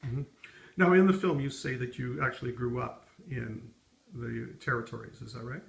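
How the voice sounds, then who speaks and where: A man asking informal interview questions in a halting way, feeling out his phrasing. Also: medium pitch, fairly even intonation, vocal fry.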